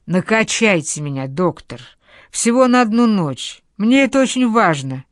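A desperate sick gambler, as a woman reader puts him on, talks in a hoarse, strained way. He pleads and pushes in a raised voice. The sound is dry and close. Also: mid-range voice, very animated, moderate pace, no room sound, lightly acted. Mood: pleading. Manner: pleading, agitated. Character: feverish sick male gambler, desperate and stubborn. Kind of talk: audiobook character voice.

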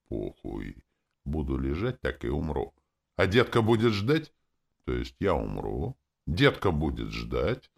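A man reading a first-person audiobook with expressive delivery. His voice is extremely low with a creaky, gravelly texture. His pitch moves widely, and his asides are dry and wry. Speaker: audiobook narrator.

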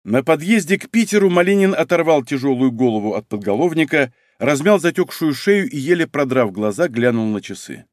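A man narrates a novel with lively pitch and expressive delivery. The recording is dry, close and clean. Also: brisk, few pauses, dry recording. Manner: expressive storytelling. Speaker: audiobook narrator. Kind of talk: scripted narration.

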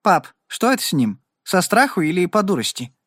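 A man's voice: high-pitched, sing-song, a little fast, a bit bright, dry recording, studio quality, voice pushed up, exaggerated voice. A man voicing a hot-tempered young woman who speaks sharply and with contempt in a Western storybook. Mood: puzzled.

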